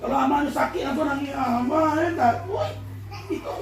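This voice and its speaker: A man with a Minangkabau accent giving a lively religious talk at a school event, quizzing the audience and often shouting and laughing. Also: extremely high pitch, moderate pace. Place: large indoor hall with an audience. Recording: echoey hall, far from the mic, with a crowd and noise.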